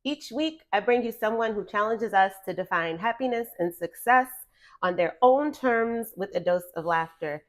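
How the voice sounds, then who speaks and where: A woman's voice: mid-range voice, lively intonation, normal speed. A woman hosting an interview show, talking casually and laughing often between her lines. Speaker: podcast host.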